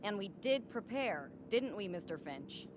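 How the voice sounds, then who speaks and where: An actress voicing a composed female park expert in a video game, measured and quietly reproving. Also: mid-range voice, very animated, noisy background. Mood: cool, reproving. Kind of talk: video game character dialogue.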